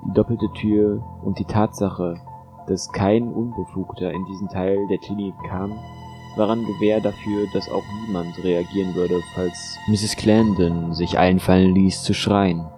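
A man narrating a thriller audiobook in a steady, measured way. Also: low-pitched, soft background music.

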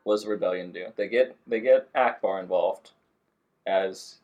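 A young man with a somewhat low voice, chatting casually with friends and quick to crack a joke. He keeps the talk moving with quips and easy laughter. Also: a little mellow, dull audio. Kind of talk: casual group chat.

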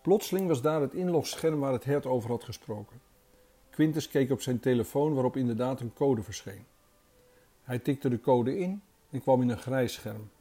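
A man narrating a story in a calm, steady storytelling manner. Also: medium pitch, moderate pace. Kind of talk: scripted storytelling.

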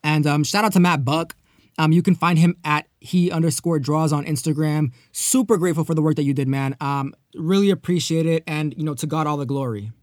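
Male talk show host, relaxed upbeat delivery, dry sound. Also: on the high side, fairly quick, no echo. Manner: casual, upbeat, uses slang. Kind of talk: casual talk show monologue.

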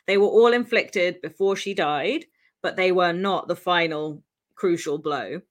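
A woman's voice: on the low side, unhurried. A Welsh-born woman co-hosting a podcast, telling a true-crime story in a chatty way, with fillers and frequent laughs. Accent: English with faint Welsh traces. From Wales. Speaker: podcast co-host.

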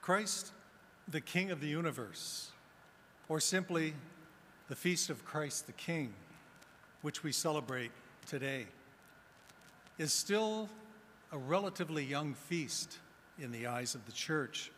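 A deacon reads the Gospel and preaches in a slow, measured cadence. His fairly high voice rings through a long cathedral echo, with a faint hum of the church room behind him. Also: lively intonation, a bit bright. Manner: measured, deliberate delivery. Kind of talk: gospel reading and homily. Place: large church.

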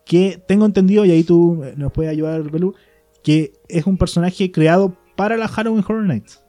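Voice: medium pitch, normal speed, mellow, faint music behind. A host with a Chilean accent leading a casual podcast chat, thinking aloud with frequent fillers and easy laughs.

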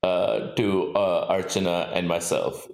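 A man's voice: sits low, steady tone, takes it slowly, vocal fry, a little mellow. A man from India co-hosting a casual podcast chat, earnest and advising, with many fillers. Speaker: podcast co-host. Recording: roomy echo.

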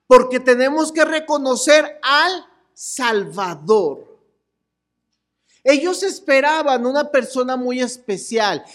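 A woman preaching a sermon in a slow, drawn-out way, her voice sitting high. She asks the crowd questions and draws out each phrase, rising at times to a shout. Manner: animated, asks the crowd questions and calls out with them. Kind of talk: sermon to a mixed congregation with children.

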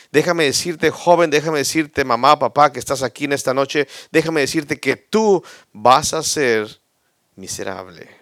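Male pastor, sermon, unhurried delivery, dry close sound, call-and-response, loud then hushed. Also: medium pitch, no room sound. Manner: call-and-response, prompting listeners with "what?"; swings from loud exclamations to near whispers.

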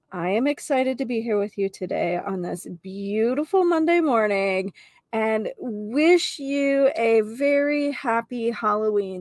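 An American woman with a slightly high voice hosts a casual spiritual show in a gentle mystical healer manner. She speaks slowly, gushing and stretching the words she stresses. The sound is dry and close, with little room in it. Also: no room sound. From North Dakota, United States.

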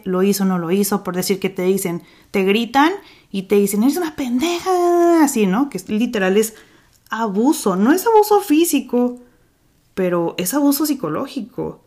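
A Mexican woman talks casually on her own podcast. She uses loose slang and drops into quick acted-out exchanges as she explains. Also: medium pitch. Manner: slangy, chatty, acts out quoted dialogue. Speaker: podcast host. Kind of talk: casual solo podcast talk.

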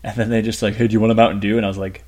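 A young man in his twenties co-hosts a podcast, his voice fairly low, level and darkish as he talks at a rapid-fire clip. It's casual chat full of rambling stories and fillers, and he laughs a lot.

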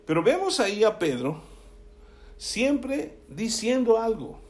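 Very animated and high-voiced, a man preaches by first reading scripture aloud, then explaining it in a chatty way. He peppers the sermon with quick tag questions directed at his listeners.

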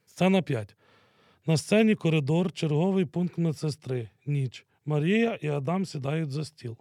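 A man calmly reading out the stage directions of an audio drama. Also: on the high side, a little slow, dry recording, studio quality. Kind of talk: scripted narration.

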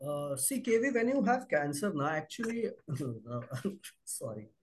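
A man's voice: on the high side, very animated, measured pace, a little hiss or hum. A man with an Indian accent chatting candidly and casually as a podcast guest, switching between two languages in informal, slangy speech with some swearing. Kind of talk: candid casual conversation mixing Hindi and English.

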